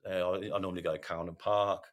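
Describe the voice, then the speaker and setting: Deep-voiced man, halting and candid. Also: flat delivery. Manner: halting, self-correcting, frequent ums and repeated words. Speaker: podcast host, sharing his recovery story. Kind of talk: candid interview conversation.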